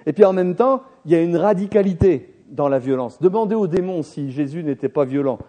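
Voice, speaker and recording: High-voiced, animated male preacher. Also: a little fast. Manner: animated storytelling, addresses the congregation directly; acts out the people in the story with shifting voices. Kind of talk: sermon.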